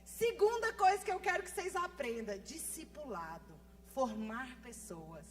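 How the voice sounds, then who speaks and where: A woman pastor in her thirties preaches with a bright, high voice, rushing through her points and then dropping into soft, confiding asides. She pushes her voice up loud for emphasis. A faint hum runs under the recording. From Brazil. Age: 30s. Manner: fast-talking, animated, swings from soft asides to loud emphasis. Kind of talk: sermon. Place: church.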